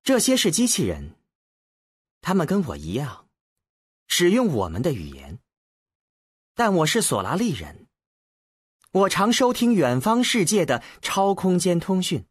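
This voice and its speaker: A man voicing a young androgynous Solarian who speaks clearly, briskly and with faint mockery, in an audiobook. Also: fairly high pitch, dry recording, clean studio sound, heavily acted. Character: young androgynous Solarian, pleasant but scornful. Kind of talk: audiobook character voice.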